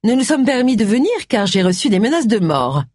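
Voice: medium pitch, very animated, fairly quick, a little mellow, no room sound, studio quality, voice pushed up. A narrator voicing a snappish woman detective. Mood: urgent. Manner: irritable, snappish. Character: sharp-tongued middle-aged woman detective. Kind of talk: audiobook character reading.

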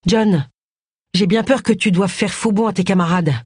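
A reader voicing a brusque, sharp-tongued woman amateur sleuth in an audiobook, speaking in a raised, urgent voice. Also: mid-range voice, moderate pace, breathy edge, dry recording, studio quality, pitched above the performer's own voice, close to an everyday voice. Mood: grim.

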